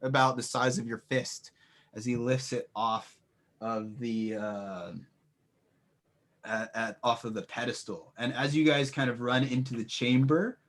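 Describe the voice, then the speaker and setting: A man's voice: mid-range voice, steady tone, measured pace, fairly bright tone. A man running a tabletop role-playing game as game master, narrating scenes descriptively with frequent fillers and restarts. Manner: descriptive, hesitant with many fillers.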